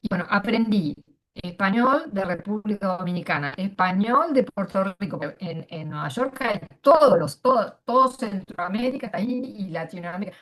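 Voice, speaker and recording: A woman's voice: mid-range voice, animated, moderate pace, a bit bright. A middle-aged woman from Argentina with an Argentine Spanish accent, sharing personal views at a panel in a hesitant way, with many fillers and restarts. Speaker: panel speaker. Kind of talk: casual personal testimony.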